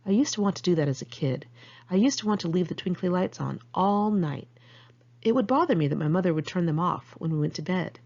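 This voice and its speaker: This is first-person memoir narration, read aloud in one take by the American author herself, a woman from around Los Angeles with a candid, sardonic, conversational delivery. She talks fairly quickly in an expressive voice on the low side, a little mellow, captured with lo-fi sound.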